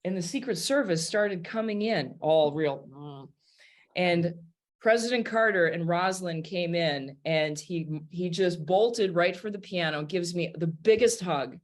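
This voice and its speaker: A woman from Wisconsin, a jazz singer and pianist, telling a lively story in an interview and acting out the quotes. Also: lowish voice, a little slow. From Wisconsin, USA. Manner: lively anecdotal, acts out quotes.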